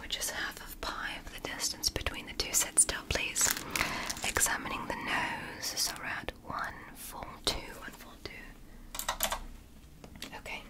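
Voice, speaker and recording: A woman plays a calm, clinical alien doctor in a whispered ASMR roleplay, lightly acted. Her voice is soft and reassuring as she gives precise, measured instructions.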